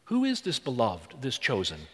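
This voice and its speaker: Dramatic preacher in a reverberant church. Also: male voice, mid-range voice, wildly swooping pitch, moderate pace, sharp tone, slightly rough. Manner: dramatic, rhetorical questions and repetition. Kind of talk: sermon.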